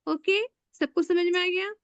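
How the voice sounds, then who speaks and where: A woman teaching an online Arabic grammar class, slowly spelling out letters and often asking the class questions. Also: extremely high pitch, fairly even intonation, dry recording, muffled recording. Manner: slow and spelling out letters one by one. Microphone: online video call.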